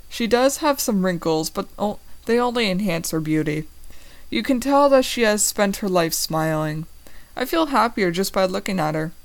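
A woman reading her first-person story aloud in a plain, slightly halting way with small slips. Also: mid-range voice. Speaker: reader of a story.

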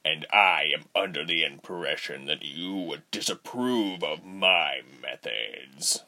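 A man's voice: rumbling low, animated, sharp tone, pitched below the performer's own voice, heavily acted. A man playing a smug, scheming male villain commander who smirks and threatens. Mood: menacing. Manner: slow, smirking, menacing.

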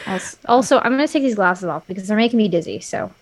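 A woman's voice: mid-range voice, expressive, quick pace, slight background noise. A young woman co-hosting a casual podcast, playful and gushing as a devoted fan, with jokey asides. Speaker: podcast co-host. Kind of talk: casual chat.

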